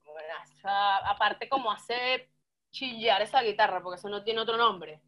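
A woman's voice: medium pitch, moderate pace, highs cut off. A young woman from Venezuela with a Venezuelan Spanish accent mixed with some Argentine words, chatting casually as a guest. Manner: chatty, animated, slangy, laughs often. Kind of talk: casual chat.

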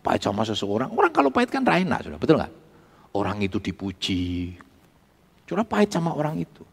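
A man's voice: on the low side, huge pitch swings, quick pace, vocal fry, slightly rough. A male pastor, preaching an emphatic sermon and calling out to the congregation. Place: church. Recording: long reverb of a church hall.

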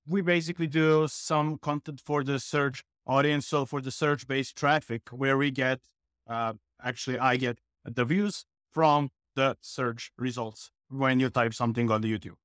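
A man's voice: mid-range voice, a bit bright, smooth, dry recording, clean studio sound. A man from Serbia, a guest explaining at length with frequent fillers. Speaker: guest YouTuber.

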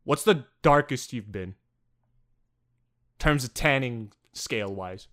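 Young male co-host, teasing, rambling delivery full of fillers, mid-range pitch. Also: lively intonation, slow, fairly bright tone. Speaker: podcast co-host. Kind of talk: casual crude banter.

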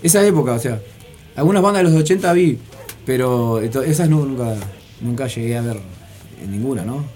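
A man's voice: mid-range voice, lively intonation, brisk, warm tone. A man, talking as a guest in a casual radio interview, rambling with many fillers and restarts. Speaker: guest musician.

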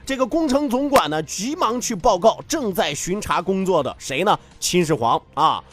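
A man's voice: high voice, big pitch swings, normal speed, fairly bright tone, faint music behind. A man hosting a radio show, telling a folk tale for laughs, chuckling and asking tag questions as he goes. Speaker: radio host. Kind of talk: comic folk-tale storytelling.

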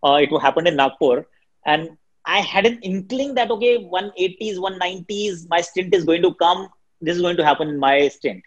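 Speaking quickly and energetically, this Hindi-speaking cricket commentator from Delhi has an Indian accent and a shrill tone as he responds to interview questions. The recording has a lo-fi quality.

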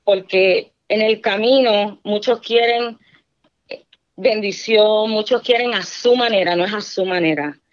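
A middle-aged woman speaks with fervent conviction as she gives a church testimony. Her voice sits at an ordinary pitch, and she keeps turning to her listeners as she talks. The recording sounds dull and lo-fi. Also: a little slow. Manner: earnest, fervent, often adding "¿verdad?".

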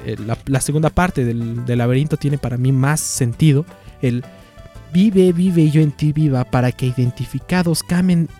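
A man with a Mexican accent reads a baroque poem aloud with feeling, then comments on it casually to his viewers. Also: fairly high pitch. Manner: expressive, swinging between soft and loud, animated asides to viewers. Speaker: poetry reader and commentator. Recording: long reverb with faint music.

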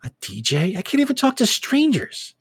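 A shy, awkward young man, voiced by the reader himself who stumbles and hesitates over his words. His pitch moves about lively. The sound is close and dry. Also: normal speed, breathy edge, dry recording, exaggerated voice. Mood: awkward, hesitant. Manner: hesitant, stammering. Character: shy awkward young male student, stammering.

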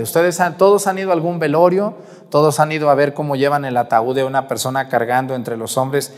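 Man, sermon, storytelling preacher, questions to the congregation, long hall reverb. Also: medium pitch. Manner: storytelling, animated, asks the audience questions.

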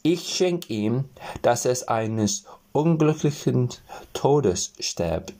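A man voicing three little forest men in a fairy tale, speaking in a raised voice and a slow, solemn manner. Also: medium pitch, very animated, warm tone, heavily acted. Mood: stern. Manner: slow, solemn gift-giving.

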